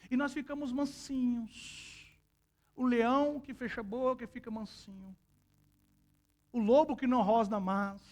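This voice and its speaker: A male pastor preaching a sermon, telling a personal story with sudden loud outbursts. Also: sits high.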